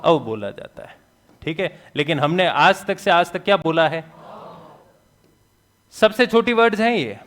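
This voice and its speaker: Man, classroom lecture, quizzing students, jokey, fairly high voice. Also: animated, a bit bright. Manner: asks the class quick questions and answers them himself; jokey, laughs at his own remarks. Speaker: teacher.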